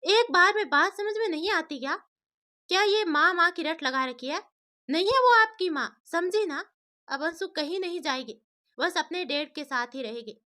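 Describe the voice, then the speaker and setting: A woman's voice: sits high, normal speed, bright, forceful tone. A woman voicing a stubborn, proud father. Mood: angry. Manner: insistent, scolding. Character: stubborn widowed father, proud and short-tempered.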